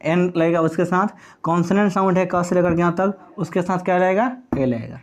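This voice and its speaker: Hindi-accented male teacher quizzing his class. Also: high-pitched. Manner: asks questions and answers them himself; spells out letters slowly. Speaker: English teacher. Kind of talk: classroom-style lecture.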